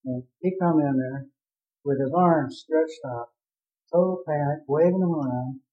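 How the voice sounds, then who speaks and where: A man's voice: on the high side, measured pace. A man who captained a drilling ship, telling a vivid, rambling story in an oral history interview. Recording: tinny phone-like audio.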